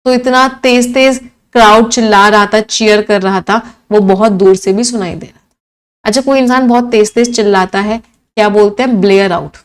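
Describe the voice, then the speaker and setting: A woman's voice: mid-range voice, steady tone, moderate pace, clear, resonant tone. A woman teaching English vocabulary for exams, asking questions and then answering them herself, repeating each meaning. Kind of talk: exam-prep vocabulary lesson in Hindi-English mix.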